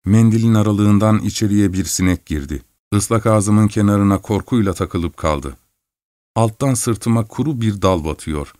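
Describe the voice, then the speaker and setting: A man narrating a story in the first person, with a steady, measured reading. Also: fairly low pitch, dry recording, clean studio sound. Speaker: audiobook narrator.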